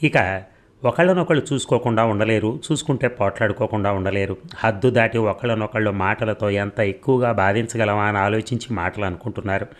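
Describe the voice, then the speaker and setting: A middle-aged man reading a story aloud in a steady narrating voice. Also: fairly low pitch, a little fast. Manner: steady reading, voicing dialogue of both lovers.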